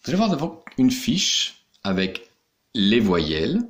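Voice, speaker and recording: Male teacher talking slowly to little kids, patient, voice going up and down a lot. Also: mid-range voice, huge pitch swings. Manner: slow, patient, spelling out each step. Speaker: primary school teacher. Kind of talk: recorded remote lesson instructions for young pupils.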